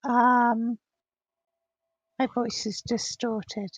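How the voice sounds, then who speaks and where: A woman's voice: on the high side, level tone, extremely slow, dry recording. A woman co-hosting a casual livestream chat, her voice coming through glitchy, robotic voice-chat distortion. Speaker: livestream co-host asking questions.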